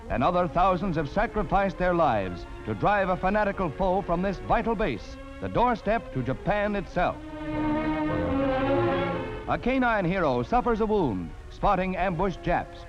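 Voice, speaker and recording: A man's voice: high-pitched, very animated, moderate pace. A man narrating an old 1940s newsreel in an emphatic, declamatory announcer style. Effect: old 1940s newsreel soundtrack. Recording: dull lo-fi old film soundtrack with music. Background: music score.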